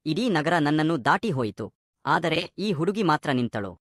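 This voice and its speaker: A man's voice: a little high, big pitch swings, moderate pace, fairly bright tone, no echo, studio quality. A man reading as an old kind chairman. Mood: calm. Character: elderly wealthy male company chairman, calm and kind.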